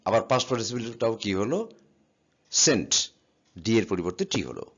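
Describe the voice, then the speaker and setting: A man's voice: lowish voice, expressive, fairly quick, husky. A man teaching an English grammar lesson, patiently spelling words out letter by letter and asking and answering his own questions. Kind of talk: classroom lesson explaining verb forms. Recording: slightly dull, lo-fi sound.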